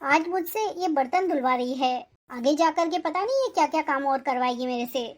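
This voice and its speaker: A voice actor playing an aging village mother-in-law in an animated moral story, who scolds and then turns tearful and apologetic. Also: high-pitched, a little fast. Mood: grumbling. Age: older.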